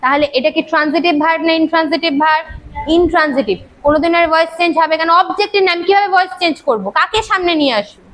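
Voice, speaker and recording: A woman with a strikingly high voice teaches grammar in a classroom, speaking. She drills her pupils with rapid rhetorical questions and scolds them when they chat. Her tone is brisk and teacherly throughout. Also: a bit bright, low-quality recording. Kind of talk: classroom lecture. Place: classroom with students.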